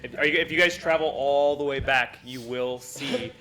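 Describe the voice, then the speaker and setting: Man, game master, bright forceful voice, loose descriptive narration. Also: mid-range voice, normal speed. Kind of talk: describing scenes and running a tabletop game.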